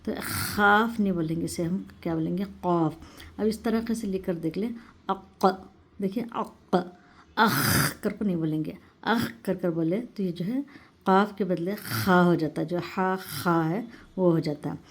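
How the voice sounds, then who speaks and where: A woman teaching the pronunciation of Arabic letters, who explains slowly and step by step and repeats each sound several times in a drawn-out way. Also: lowish voice. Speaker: Quran recitation teacher. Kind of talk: patient pronunciation lesson.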